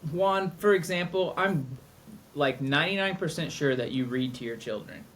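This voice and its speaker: A man's voice: fairly high pitch, moderate pace, a bit bright. Chatty self-mocking man co-hosting. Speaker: podcast co-host. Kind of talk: casual chat.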